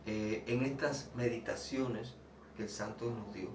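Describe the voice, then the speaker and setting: A man's voice: lowish voice, steady tone, a little slow, background noise. Man, earnest testimony sermon, repeats himself, echoey room, a bit far from the mic. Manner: earnest, repeats phrases, drops to soft tones for quoted speech. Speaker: lay preacher. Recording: echoey distant room with faint ambience.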